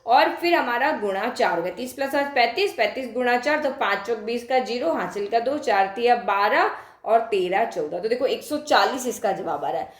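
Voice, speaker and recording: A woman math teacher with a high voice, recorded in an echoey room. She talks straight to her students, puts questions to them and repeats each point for emphasis. Her tone stays patient as she walks through the steps. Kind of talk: classroom lesson explaining on a board.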